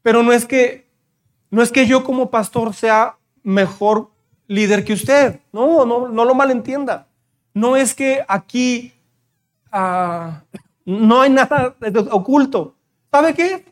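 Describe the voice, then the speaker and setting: A man's voice: extremely high pitch, takes it slowly. A middle-aged man preaching a sermon as pastor, fervent, repeating key phrases and speaking straight to the congregation. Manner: addresses the congregation directly.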